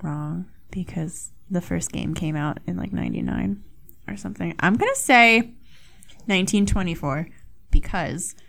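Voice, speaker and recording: A woman's voice: lowish voice, a little slow, vocal fry, fairly bright tone. A young woman hosting a podcast alone, chatting casually in a rambling, self-mocking way with frequent swearing. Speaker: podcast host. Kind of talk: casual solo podcast chat.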